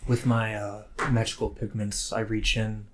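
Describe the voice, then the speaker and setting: A man playing a tabletop game, speaking in character softly and tentatively, with many "um"s. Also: fairly low pitch, level tone, unhurried, slight background noise. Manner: soft-spoken and tentative, many "um"s. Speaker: player. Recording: clear music in the background.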